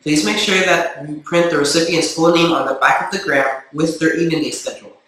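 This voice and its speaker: A man's voice: fairly high pitch, fairly even intonation, fairly quick, a bit bright. A man reading a list of school announcements, heard over a school intercom. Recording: echoey intercom with faint background hiss.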